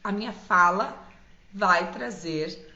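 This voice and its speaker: A woman hosting a live stream, teaching in a calm, soothing way that slows and softens for emphasis, recorded in a dull, echoey room. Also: medium pitch. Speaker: host of a live stream on voice and self-knowledge. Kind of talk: live talk, gentle motivational teaching.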